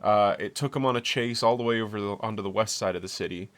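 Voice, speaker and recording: Low-voiced guy, rambling chat. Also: fast talker, fairly bright tone. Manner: loose, swearing, rambling anecdote. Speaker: podcast co-host. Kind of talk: casual chat.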